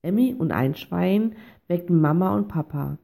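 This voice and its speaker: A woman's voice: fairly low pitch, animated, moderate pace, gravelly, dark tone. Woman reading a children's story. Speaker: narrator.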